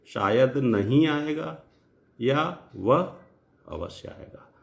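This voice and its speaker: Slow gravelly male grammar teacher. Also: lowish voice. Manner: slow, deliberate, spells out examples word by word; addresses viewers directly. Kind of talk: lecture.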